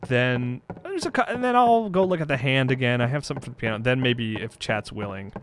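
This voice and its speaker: A man's voice: mid-range voice, expressive, fairly quick, background noise. A man casually chatting while he plays a game on stream, thinking aloud and joking at his own expense. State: hiccuping and sneezing. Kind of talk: casual let's-play chat.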